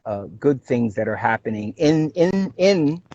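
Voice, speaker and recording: A man from Brooklyn talks as a guest in a casual livestream chat. He speaks at an ordinary pitch and often stalls on fillers and restarts. The audio is dull and lo-fi. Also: expressive, darkish tone, slight background noise. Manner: halting, many fillers and restarts, laughs easily.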